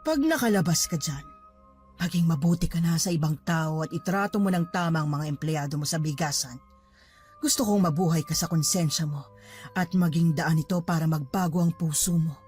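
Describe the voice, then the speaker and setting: A woman's voice: sits low, normal speed, a little mellow, faint music behind, lightly acted. A woman voicing a cold, vengeful older mother who accuses and preaches in a dramatized horror story. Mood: solemn.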